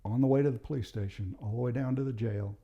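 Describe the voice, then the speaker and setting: A man's voice: medium pitch, fast, warm tone, lo-fi sound. A former police officer, a man, tells true stories from his time on the job in a casual, plain-spoken, matter-of-fact way. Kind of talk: casual anecdotal storytelling.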